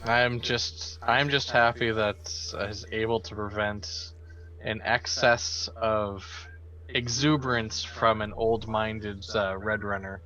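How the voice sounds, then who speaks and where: A man's voice: on the low side, fairly even intonation, slow, pushed and bright, dull audio. A man playing a tabletop game, talking casually in and out of his role. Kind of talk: casual role-play chat.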